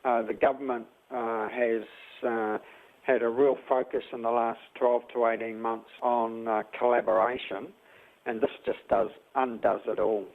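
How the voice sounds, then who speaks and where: A man's voice: medium pitch, flat delivery, measured pace, gravelly. Man with a disguised, altered voice. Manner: earnest, hesitant with many uhs. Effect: voice altered to hide identity. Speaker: emergency housing provider. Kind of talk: news interview clip. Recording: thin phone-like sound.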